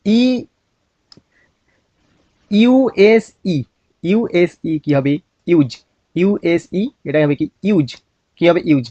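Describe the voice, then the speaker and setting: A man's voice: sits high, expressive, very slow, pauses often, mellow, no echo. A man with a Bangladeshi accent teaching English reading, spelling out letters and asking himself questions he then answers. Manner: asks a question and answers it himself, drills words repeatedly. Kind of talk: spelling-out phonics lesson. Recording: dry, slightly dull recording.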